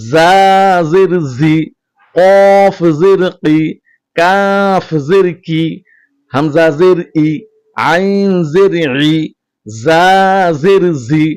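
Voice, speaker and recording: A man teaching Quran reading, chanting each Arabic letter with its vowel mark in a slow, measured drill, then speaking to his viewers in a softer voice. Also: high-pitched, clear, resonant tone. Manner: softer, quicker closing talk to viewers.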